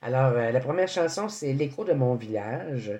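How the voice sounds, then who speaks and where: A man's voice: mid-range voice, expressive, moderate pace, mellow. A man hosting a radio interview, bantering and laughing easily with his guest. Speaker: radio host.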